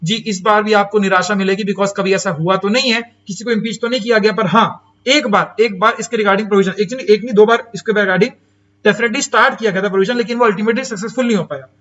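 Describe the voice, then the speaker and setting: A man with an Indian accent delivers an exam-prep lecture in a fairly high voice, chatty and full of questions he answers himself. Key English terms are stretched out slowly for emphasis. The recording sounds dull and lo-fi. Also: steady tone, a bit bright. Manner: chatty teacher, asks and answers his own questions, says "sir" and "bhaiya". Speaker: teacher.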